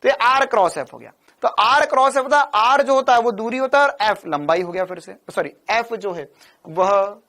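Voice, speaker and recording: A man's voice: sits high, lively intonation, normal speed, bright, forceful tone. A man from India teaching physics in a lecture style. He is playful and repeats phrases in a rhythmic way.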